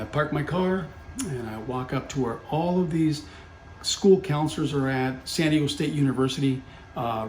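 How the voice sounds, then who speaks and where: Here a middle-aged man, a company founder guesting on a podcast, recounts something from his own life, chatting casually with plenty of fillers and corrections of himself. He speaks at a medium pitch with a slightly mellow quality. There's a roomy echo and a faint hum behind him.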